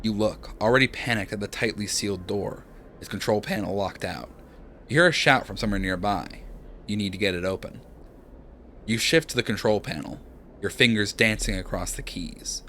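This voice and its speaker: Talking with his viewers between lines, a young streamer reads a narrative game's text aloud in a quiet, dramatic style. His voice is fairly low and his pace moderate, with a little background noise in the recording.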